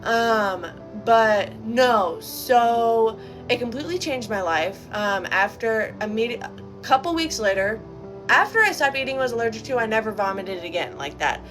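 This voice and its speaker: A woman's voice: on the high side, animated, moderate pace, fairly bright tone, faint music behind. A young adult woman sharing a personal story in a candid, chatty, informal way, like a casual video to camera.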